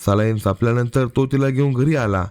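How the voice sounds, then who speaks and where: A man's voice: mid-range voice, fairly quick, a little mellow, clear, resonant tone. Man narrating a dramatic crime story.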